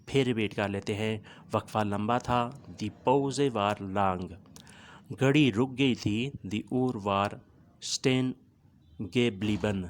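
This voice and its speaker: Patient man teaching phrases slowly, low voice. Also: slight background noise. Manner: patient, repeats each phrase and explains it word by word. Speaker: language teacher. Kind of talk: language lesson, repeating phrases slowly.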